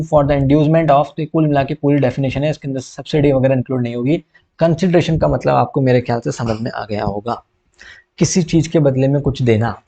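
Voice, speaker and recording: A man's voice: mid-range voice, mellow, highs cut off. A young man teaching a recorded exam-prep lecture in a chatty, joking way, often checking with his students and dropping English terms with an Indian accent.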